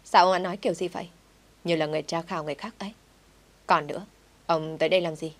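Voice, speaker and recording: A woman voicing a sharp-tongued, defiant middle-aged mother in an audio story. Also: lowish voice, steady tone, fast, close to an everyday voice. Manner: scolding, defiant.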